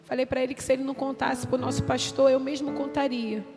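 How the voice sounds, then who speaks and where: A woman's voice: high voice, little pitch movement, fast talker. A Brazilian woman, a pastor's wife, tells her church testimony in an emotional, intense way, with music playing behind her. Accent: Brazilian Portuguese. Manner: emotional, intense storytelling with acted quotes. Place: church hall. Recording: reverberant hall with music behind.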